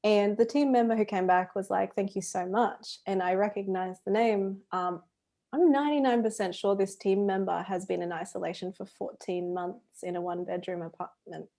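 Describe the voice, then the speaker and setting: A woman's voice: mid-range voice, steady tone, normal speed, gravelly, dark tone. A woman co-hosting a podcast, talking in a casual, chatty way with fillers. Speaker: podcast co-host. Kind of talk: casual chat.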